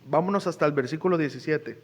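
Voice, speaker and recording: A man preaches from the pulpit, his voice set fairly high. He reads scripture and breaks off for conversational asides and jokes with his congregation. A long reverb hangs on every phrase. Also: fast. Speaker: pastor. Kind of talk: sermon with Bible reading.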